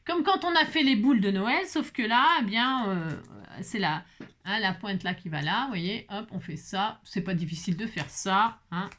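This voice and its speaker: Woman host of a casual craft tutorial, talkative and joking, mid-pitched, peppers every sentence with little tags to the viewer. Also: expressive, moderate pace, fairly bright tone.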